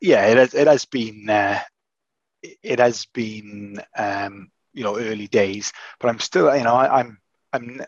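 A man recovering from an illness, talking in casual chat as a podcast host, halting and restarting often. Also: on the low side, no room sound, highs cut off. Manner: hesitant, halting with many restarts.

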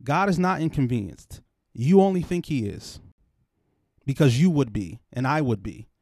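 A man preaching a sermon in a conversational way, acting out imagined dialogue and swinging between loud emphatic lines and hushed, quick asides. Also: mid-range voice, animated, no echo, studio quality. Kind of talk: podcast sermon.

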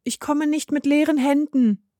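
A woman's voice: high voice, fairly even intonation, a little slow, dark tone, dry recording, clean studio sound, voice pushed up. A woman voicing Mirko, a young male traveller who is skeptical and then nervous, in a storybook reading with a raised, earnest delivery.

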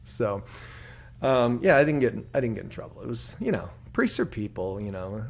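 A man's voice: mid-range voice, moderate pace, vocal fry. A man who works as a church musician, telling stories in casual chat and acting out the quotes in them. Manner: animated storyteller, acts out quotes. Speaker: church musician, podcast host.

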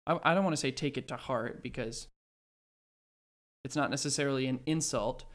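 A man's voice: mid-range voice, brisk. Young man musing in casual podcast chat. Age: early twenties. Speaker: podcast co-host.

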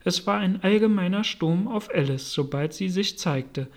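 A man narrating a storybook as an audiobook reader, in an even, measured way. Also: sits high.

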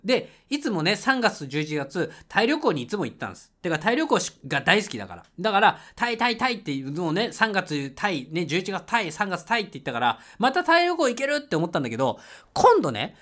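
A man host telling a casual travel story, laughing often and breaking into loud English shouts when he reenacts moments. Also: sits high. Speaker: podcast host. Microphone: home mic voice message.

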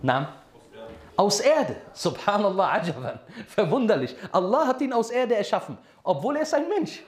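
An Islamic preacher with a high voice delivers a sermon lesson in an echoey room. He poses questions to his listeners and answers them himself, mixing Arabic phrases into his speech.

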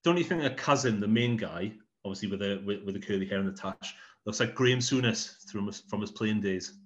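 Guy on a movie podcast, kinda low voice, keeps restarting, dull lo-fi sound. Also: fairly quick. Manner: rambling, repeats words as he restarts. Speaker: podcast co-host. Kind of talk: casual film-review chat.

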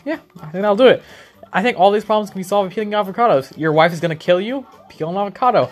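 This young co-host of a let's play talks fast in a high-sitting voice, giggling frequently as he rambles through goofy jokes. Video game music plays behind the casual gaming banter.

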